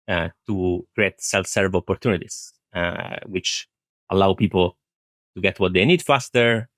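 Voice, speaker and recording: A man answers interview questions as an IT director, giving thoughtful, conversational replies in which he earnestly explains his views and repeats phrases for emphasis. His voice is low-pitched and a bit bright, with no room sound.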